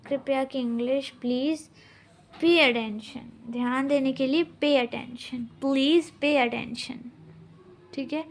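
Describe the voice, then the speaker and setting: A woman's voice: high voice, a little hiss or hum. A woman, teaching spoken English phrases and explaining them patiently in a careful, drilling manner.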